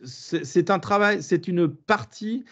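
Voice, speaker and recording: A man's voice: sits high, animated, slow, lo-fi sound. A man with a southern French accent leading a live webinar demonstration as trainer, hesitant with many fillers and restarts.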